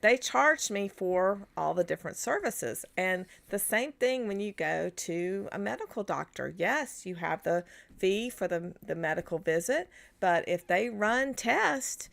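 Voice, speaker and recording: A woman's voice: medium pitch, animated, unhurried, creaky, a bit bright. A middle-aged woman giving a chatty live-streamed coaching talk to wellness practitioners, rambling with restarts and asides. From United States. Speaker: business coach for natural health practitioners.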